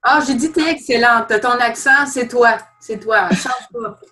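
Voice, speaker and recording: A woman's voice: a little high, measured pace, bright, forceful tone. A woman hosting a team call, asking long, winding questions in a friendly, encouraging way. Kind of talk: casual chat, asking questions.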